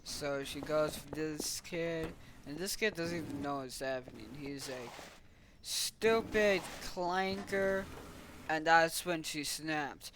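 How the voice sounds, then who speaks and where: Man telling a story slowly and rambling. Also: a little high, fairly even intonation, background noise. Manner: rambling, slangy, many fillers. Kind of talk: casual storytelling.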